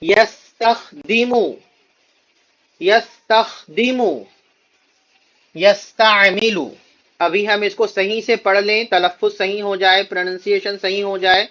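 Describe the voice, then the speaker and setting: A man teaching a classroom Arabic lesson in a high, bright voice. He drags out each word so students can repeat it, then rattles off a quick explanation. The recording sounds dull and lo-fi.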